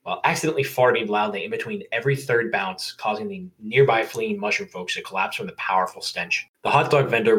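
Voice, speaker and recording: Lower-voiced young man, bright tone. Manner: laughing, crude banter. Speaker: podcast co-host reading a fan story. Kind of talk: casual comedic story reading.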